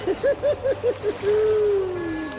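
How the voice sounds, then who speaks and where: A man's voice: extremely high pitch, expressive, very slow, exaggerated voice. A man playing a gleeful, maniacal supervillain in an audio drama, mocking and theatrical, drawing out his words between cackles. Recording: loud music under the voice.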